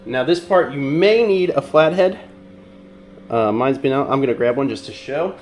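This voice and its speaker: A man with a nasal, congested voice from being sick, calmly walking through a repair step by step with frequent ums and uhs. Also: medium pitch, moderate pace, slight background noise. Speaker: mechanic demonstrating a repair. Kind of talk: casual how-to demonstration.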